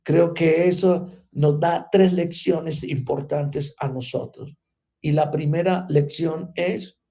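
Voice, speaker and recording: A man's voice: a little high, gravelly, dark tone. A man teaching a church class, often checking in with his listeners through rhetorical questions. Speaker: Bible teacher.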